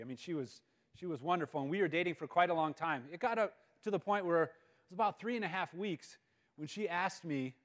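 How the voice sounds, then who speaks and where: A man giving a humorous chapel talk as a guest speaker at a school, telling a story with animated outbursts. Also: fairly high pitch. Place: school assembly hall.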